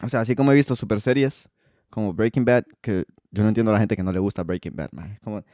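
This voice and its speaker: Young man, crude joking banter, medium pitch, dry close audio. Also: fast talker, dark tone, no room sound. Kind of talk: casual chat.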